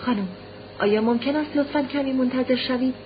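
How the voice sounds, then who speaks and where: An elderly manservant addressing the lady with careful courtesy, in a fairly high voice, as a woman reader puts him on; the recording is dull with a faint hiss. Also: lightly acted. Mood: polite. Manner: formal and polite. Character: old male house servant, courteous. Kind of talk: audiobook reading.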